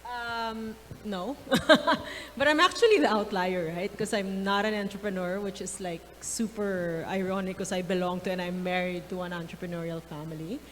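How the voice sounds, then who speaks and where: A woman's voice: medium pitch, moderate pace, a bit bright. Casual woman executive on a panel. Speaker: tech company executive, panelist. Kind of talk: panel talk. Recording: reverberant event hall.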